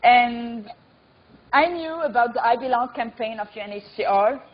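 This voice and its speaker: On a muffled call, a young adult woman from Lebanon talks at a moderate pace in a slightly high voice. Earnest and direct, she gives personal testimony as an invited webinar speaker, keeping sentences simple and repeating phrases for emphasis.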